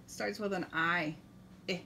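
Slow-paced woman reading to a toddler. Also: fairly low pitch, vocal fry, sharp tone. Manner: reading to a toddler, simple phrases with sounded-out letters and questions. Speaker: children's story reader and letter teacher. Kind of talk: reading a picture book aloud, teaching letters. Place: living room, indoors. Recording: noticeable room background noise.

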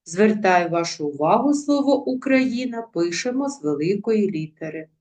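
A woman teacher giving a recorded lesson, speaking deliberately and spelling out word sounds one by one. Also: medium pitch, expressive, darkish tone. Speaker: primary school teacher.

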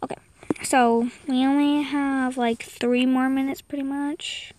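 Chatty young girl, high voice, noisy. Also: little pitch movement, a little slow, darkish tone. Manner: chatty, rambling, giggly. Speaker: guest commentator. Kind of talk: casual gameplay commentary.

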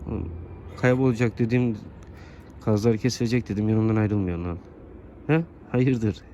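A man with a somewhat low voice chats to his geese outdoors, coaxing and teasing them as if they were his children. Faint outdoor noise sits under his casual vlog talk. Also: moderate pace, warm tone. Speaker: goose keeper filming his geese.

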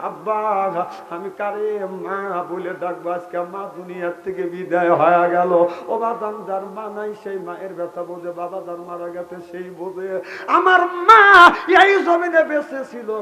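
Male preacher, high and ringing tone, chanting sermon story, echoey loudspeaker sound. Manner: chanting, surging to shouts, tearful storyteller. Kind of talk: Islamic waz sermon storytelling. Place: open-air religious gathering. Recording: echoey PA sound with faint music.

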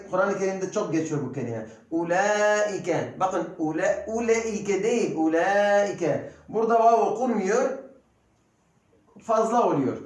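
A man with a Turkish accent teaching Arabic, slowly drilling pronunciation by repeating words. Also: high voice. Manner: slow, repetitive drilling of pronunciation. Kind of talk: recorded classroom lesson. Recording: very echoey room.

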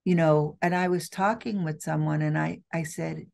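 A middle-aged woman, the CEO of a trade show, appears as a guest on a video call interview from an office with windows, picked up by her webcam. Her low, creaky, slightly mellow voice stays fairly even as she speaks earnestly, slowly and deliberately, restarting her sentences often.

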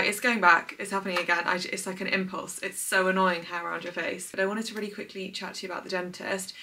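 Chatty young woman, bright voice. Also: lowish voice, far from the mic. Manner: chatty, rambling, self-deprecating. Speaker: vlogger. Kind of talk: casual chat to camera. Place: home, dressing room and kitchen.

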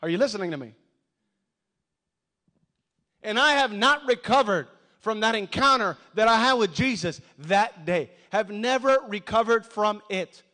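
A middle-aged man preaching a sermon as a pastor, telling his testimony with passion and rising to shouts. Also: high voice, lively intonation, measured pace. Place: church sanctuary.

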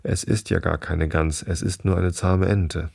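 A flock of scornful, jeering swans from a read-aloud storybook, as a man reads them in his own voice. The tone is mocking, deep and gravelly, recorded very dry. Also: steady tone, unhurried, darkish tone, dry recording, heavily acted.

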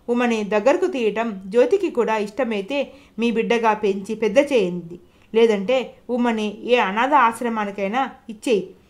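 A woman's voice: a little high, close to an everyday voice. A woman narrator voicing a grown woman who reads out her sorrowful, resolute farewell letter in an audio novel. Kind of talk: audiobook character reading.

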